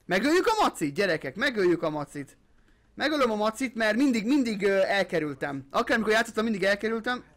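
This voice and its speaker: A young man hosting a let's play, commenting excitably as he plays, swearing and mixing in English gamer phrases. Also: sits high. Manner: excitable, swearing, hyped-up shouting. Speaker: gaming channel host.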